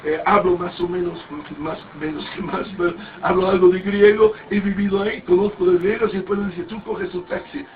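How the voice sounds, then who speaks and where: A man's voice: high voice, steady tone, brisk, few pauses. A man in his fifties giving a rambling, anecdotal sermon-like talk with many restarts and crude words. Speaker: speaker at a parody mass. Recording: distant, tinny, faint background noise.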